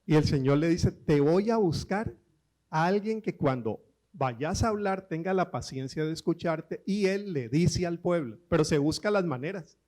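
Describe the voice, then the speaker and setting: Lively preacher, slightly high voice. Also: male voice. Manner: storytelling with quoted voices and humor; lively, slows down for emphasis. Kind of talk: sermon.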